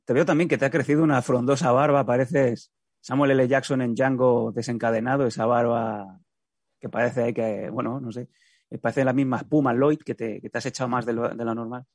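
A man from hosting a comic show with a mid-pitched voice. He rambles in a mock-solemn way, circling back on himself. The sound is dry and close. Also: steady tone, brisk, no room sound. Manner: rambling, mock-solemn, full of fillers and restarts. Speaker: comedy show host. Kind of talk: casual comic banter.

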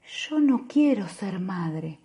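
A woman doing a weary, hushed young pregnant woman. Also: mid-range voice, very animated, slightly rough, full character voice. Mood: hushed defiant. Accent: Argentine Spanish. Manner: hushed, slow, half-whispered.

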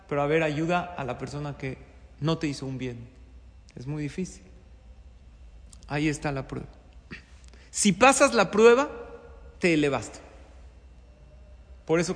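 A man teaches a Torah-based lesson on life's tests, pressing each point with rhetorical questions and repeated phrases. His voice sits a little high for a man. The recording carries a long, ringing reverb. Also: normal speed, pauses often. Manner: poses rhetorical questions, emphatic repetition. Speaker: religious teacher. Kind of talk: Torah-based moral talk.

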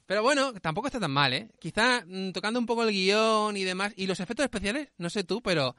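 A man co-hosting a casual film review chat. He talks quickly and acts out lines he quotes. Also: high-pitched, lively intonation, bright, forceful tone, no room sound, clean studio sound. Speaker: podcast co-host.

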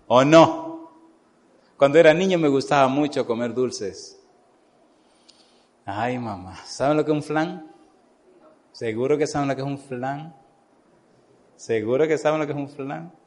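A male preacher telling a story in a sermon, animated, who keeps asking his congregation to answer yes or no. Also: medium pitch, unhurried, long pauses. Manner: animated, repeatedly asks the congregation "sí o no".

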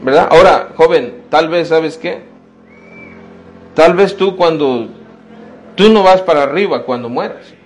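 Pastor, male, fairly high voice, emphatic sermon delivery with repeated rhetorical questions. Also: a little slow, pauses often, slight background noise. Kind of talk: sermon to youth. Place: church.

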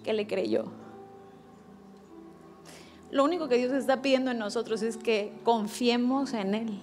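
A woman pastor preaching a sermon, telling a lively personal story and acting out quoted lines. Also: a little high, measured pace, soft background music. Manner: animated storytelling with acted quotes.

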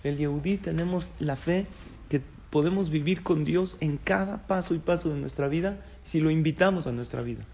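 A man giving a sermon as a rabbi, animated storytelling that acts out the voices of people in his tales. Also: on the high side, moderate pace, creaky, a little hiss or hum.

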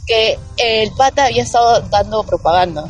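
A woman's voice: fairly high pitch, moderate pace, faint music behind, low-quality recording. A young woman with a Peruvian Spanish accent, telling a story in casual chat with lots of slang.

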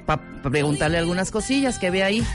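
A woman's voice: on the low side, expressive, fast talker. A woman with a Mexican accent co-hosting a talk show, chatting casually in a playful, joking, sing-song way. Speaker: radio co-host. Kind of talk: casual chat. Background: background music.

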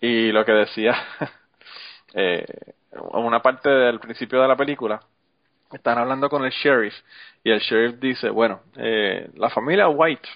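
A man's voice: mid-range voice, moderate pace, pauses often, no echo, highs cut off. Profane storytelling man on a podcast. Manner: profane, storytelling, laughs often. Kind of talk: casual chat.

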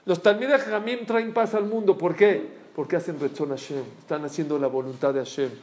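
Man, Torah teacher, animated, questions the group, higher pitch. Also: a little fast. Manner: animated, asks listeners questions. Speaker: rabbi teaching a Torah class. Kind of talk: storytelling Torah lesson to a small group.

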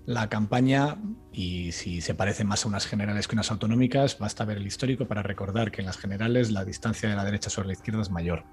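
A man's voice: fairly low pitch, fast, faint music behind. A man giving analytical, emphatic commentary on a talk show as a political analyst.

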